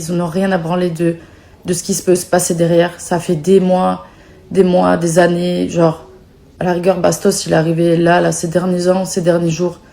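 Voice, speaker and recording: A woman's voice: lowish voice, vocal fry, dark tone. A young woman vlogging to her followers, exhausted and emotional, pleading in exasperation. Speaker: social media personality.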